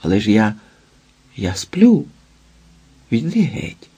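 A man's voice: lowish voice, huge pitch swings, slow, dark tone, husky, heavily acted. A man voicing a sleepy, grumpy young man who brushes others off, in an audiobook. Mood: dismissive. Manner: grumbling, dismissive.

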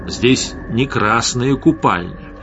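A man's voice: medium pitch, slow, fairly bright tone. A man voicing an ancient, imperious light mage who accuses and threatens in a rising, commanding voice, over slightly dull audio with faint music behind. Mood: wrathful. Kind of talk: audiobook character voice.

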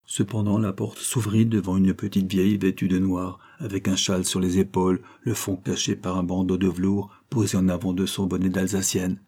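A man narrating a classic French novel as an audiobook in a calm, measured reading. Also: low-pitched. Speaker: audiobook reader.

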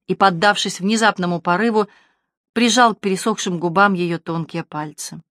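A woman narrating a novel as an audiobook, reading in an even, measured way. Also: mid-range voice, no room sound, studio quality. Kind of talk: scripted narration.

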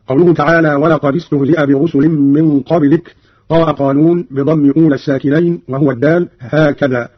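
A man giving a formal, instructive radio explanation of Quran reading variants, quoting verses and then explaining them in a measured way. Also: fairly high pitch, slightly rough, no room sound. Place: radio studio. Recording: muffled old radio broadcast.

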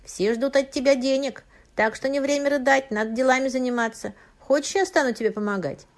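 A woman's voice: high voice, brisk, voice pushed up. A woman voicing a pushy female friend who coaxes and then shrieks in anger. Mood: coaxing. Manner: coaxing, then shrieking and snapping.

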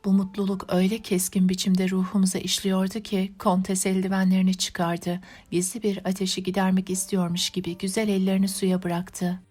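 A woman narrating a classic novel as an audiobook, in an even, measured reading. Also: mid-range voice, faint music behind.

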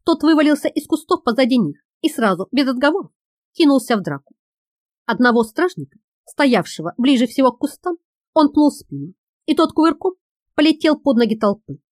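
A woman narrating an audiobook in a lively, expressive reading. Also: high-pitched, a little fast, no echo, studio quality.

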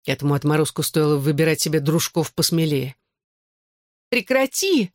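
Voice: medium pitch, moderate pace, dry recording, studio quality. A reader narrating a first-person audiobook in a hard, tense delivery.

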